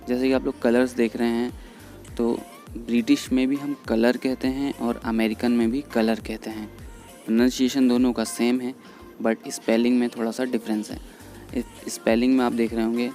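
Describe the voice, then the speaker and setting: Gravelly-voiced man teaching words. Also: mid-range voice, dark tone. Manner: patient, repeats each word slowly. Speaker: English teacher. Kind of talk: explaining vocabulary in Hindi over slides. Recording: faint background music under voice. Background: faint background music.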